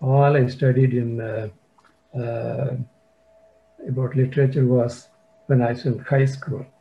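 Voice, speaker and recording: A man's voice: medium pitch, level tone, a little slow, creaky, a little hiss or hum. Give me an older Tamil-accented Indian man, hesitant, many "uh"s. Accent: Tamil-influenced Indian English. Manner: hesitant, many fillers and restarts. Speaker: poet sharing his work. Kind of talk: casual talk on a video call. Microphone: video call. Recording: dull lo-fi video call audio.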